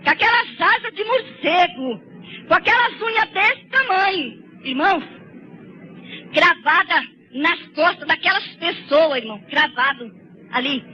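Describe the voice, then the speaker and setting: A woman with a very high, piercing voice delivers an emotional testimony sermon. She talks fervently and tearfully and turns again and again to her brothers in the congregation. The recording is a little dull and lo-fi, with a faint hiss behind her. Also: animated, a little slow. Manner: fervent, tearful, keeps addressing listeners as brothers. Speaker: church sister giving a testimony.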